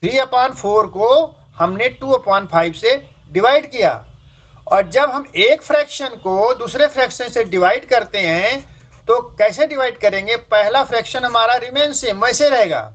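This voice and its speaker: A man's voice: extremely high pitch, a little slow, fairly bright tone. A man teaching fractions in a classroom lecture, explaining step by step and repeating key points. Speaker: math teacher. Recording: dull lo-fi sound.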